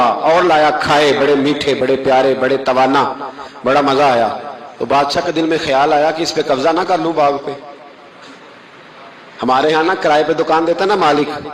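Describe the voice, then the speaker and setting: A man's voice: a little high, echoey room, poor audio. A man preaching a sermon, telling moral stories with emphatic rises and acting out quoted voices.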